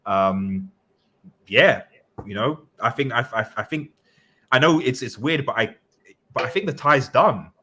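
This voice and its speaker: A man's voice: mid-range voice, lively intonation, unhurried, long pauses, sharp tone. A man talking as a football pundit in casual post-match analysis, hesitant and circling back over his points.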